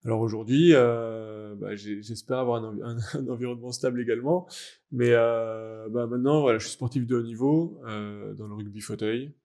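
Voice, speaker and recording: A young adult French man, a guest athlete in a casual interview, talking in a halting, reflective way as he searches for words. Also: mid-range voice, steady tone, mellow. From France. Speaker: guest, wheelchair rugby athlete.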